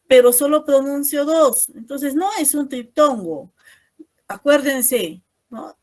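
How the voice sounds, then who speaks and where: Teaching online through a video call, a high-pitched woman explains patiently. Nearly every phrase ends with a questioning "no?".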